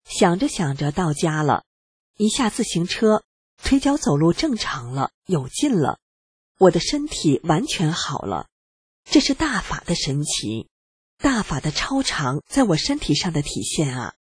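Very husky earnest reader. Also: medium pitch, sing-song, measured pace, dry recording. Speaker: reader of a personal testimony. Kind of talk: steady first-person reading.

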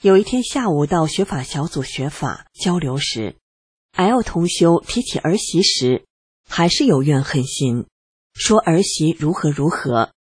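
Very husky earnest reader. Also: mid-range voice, lively intonation, a little slow, no room sound. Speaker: reader of a personal testimony. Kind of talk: steady first-person reading.

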